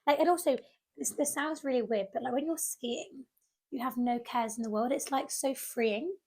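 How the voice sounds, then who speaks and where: High-pitched young woman telling a story. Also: normal speed, slightly rough. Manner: animated storytelling with acted-out quotes. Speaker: podcast co-host. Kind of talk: casual chat.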